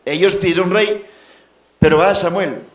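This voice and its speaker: Antioquian pastor preaching, fairly high voice, big loud-soft swings, church echo. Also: male voice, unhurried. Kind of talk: sermon.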